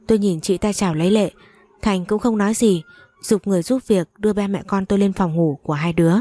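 Warm woman narrating a story. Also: medium pitch, fast talker. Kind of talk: first-person audio story narration.

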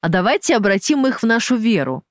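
Brief: reader playing a cruel gang-boss man, taunting and falsely friendly, voice pushed high and loud, dry close recording. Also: animated, moderate pace, no echo, natural voice. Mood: commanding. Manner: sneering, taunting, falsely genial. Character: cruel mocking male gang boss, middle-aged. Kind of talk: audiobook character voice.

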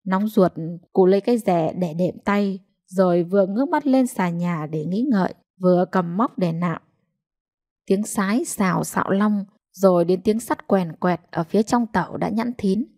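A woman narrating a short story in a calm, measured storytelling voice. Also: mid-range voice, no echo, studio quality. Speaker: audiobook narrator.

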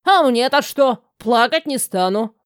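A woman voicing a sharp-tongued female talking rose that scolds and mocks in a howling voice. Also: fairly high pitch, expressive, measured pace, clear, resonant tone, no echo, studio quality. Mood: taunting.

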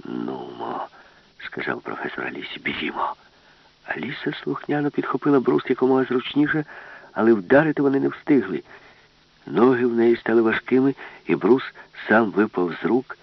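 A man narrating an audiobook with a lively, expressive reading. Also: mid-range voice, brisk, no room sound. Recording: dull, lo-fi, dry.

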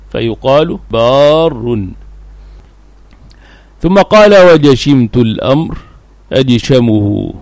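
Male sheikh, lesson reader; measured, unhurried, repeats key words; mid-pitched, dry. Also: darkish tone, no echo. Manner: deliberate, repeats words slowly for emphasis. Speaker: sheikh teaching a text. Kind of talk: recorded lesson explaining a classical text.

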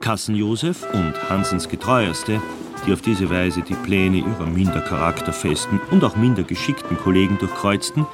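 A man reads scripted radio play narration with a wry, formal storyteller's delivery. His pitch is on the low side, and music plays clearly beneath his voice. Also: animated, normal speed. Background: music under the voice.

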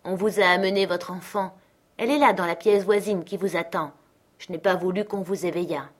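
A woman voicing a gentle older male prison chaplain in an audiobook, speaking softly and kindly. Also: on the low side, fairly quick, natural voice.

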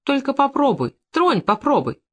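A woman reading an audiobook, voicing a shrill, indignant woman neighbor who shrieks for help. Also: big pitch swings, normal speed, a bit bright. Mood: sharp, scornful. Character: shrill, hysterical middle-aged woman neighbor.

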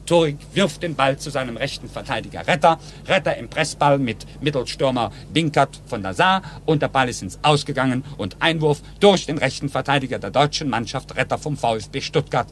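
A man with a voice on the high side, a bit bright, gives detailed live play-by-play football commentary from a stadium on 1950s radio. He speaks in short, clipped phrases, and the old recording is noisy.

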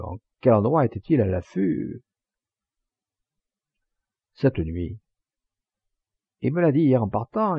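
A man reading the part of a gruff, loyal old countryman who talks in a rambling, folksy way. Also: mid-range voice, dry recording, full character voice. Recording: dull lo-fi dry recording.

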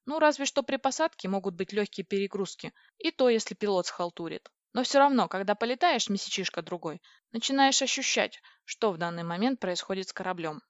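A woman's voice: medium pitch, lively intonation, brisk, hardly any pauses, no room sound. Woman narrating a sci-fi audiobook, dry. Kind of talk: first-person audiobook narration. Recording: dull, dry audiobook recording.

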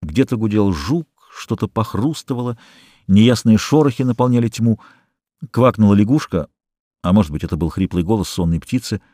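A man narrating a novel as an audiobook reader, measured and calm. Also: lowish voice, no room sound, studio quality.

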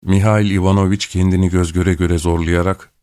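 A man reading a classic novel aloud, calm and measured. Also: no echo. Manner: calm, measured reading; raises pitch for female characters' quoted lines. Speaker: audiobook narrator. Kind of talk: scripted literary narration.

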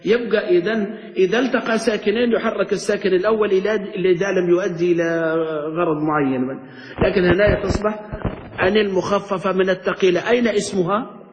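A man's voice: sits high, fairly even intonation, fast, long reverb tail, lo-fi sound. A man, a sheikh teaching a grammar lesson, quizzing his students and drawing out his recited examples. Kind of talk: classroom lesson explaining a text.

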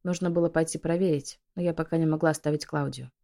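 A woman's voice: sits low, steady tone, quick pace, creaky, dark tone. Woman reading an emotional audiobook. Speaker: audiobook narrator. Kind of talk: first-person audiobook narration.

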